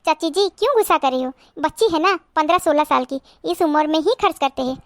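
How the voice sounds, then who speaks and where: A woman's voice: sits high, expressive, quick pace, no room sound, clean studio sound. A woman acting in a short comedy skit, talking in an earnest, emotional, pleading way. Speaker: comedy sketch creator.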